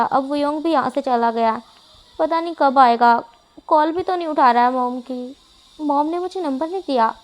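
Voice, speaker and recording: A woman's voice: sits high, natural voice. A woman voicing a moody, lovesick teenage boy in a story reading, whiny and pleading.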